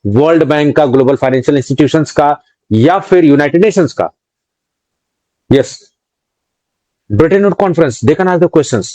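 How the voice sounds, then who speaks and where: A man's voice: mid-range voice, mellow, dry recording, rough recording. A man with an Indian accent teaching an online exam-prep class, quizzing students, reading out their answers and mixing English terms into his talk. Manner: reads out student names and answers, scolds jokingly. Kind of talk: live online quiz class.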